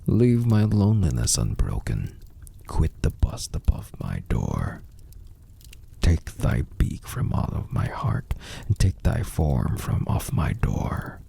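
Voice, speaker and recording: Very deep gravelly man reciting gothic poetry. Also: big pitch swings, dark tone. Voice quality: gravelly, breathy rasp. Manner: theatrical, brooding, with drawn-out words. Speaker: poetry reader.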